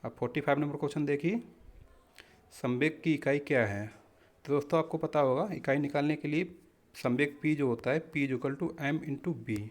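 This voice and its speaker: A physics teacher preparing students for exams works through practice questions step by step, often calling his listeners friends. His voice is fairly high and his speed normal.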